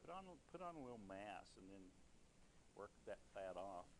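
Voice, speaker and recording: Animated rambling male biology teacher. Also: on the low side, moderate pace, noisy background. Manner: animated, rambling, self-mocking tangents. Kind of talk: classroom lecture with chatty asides. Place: classroom.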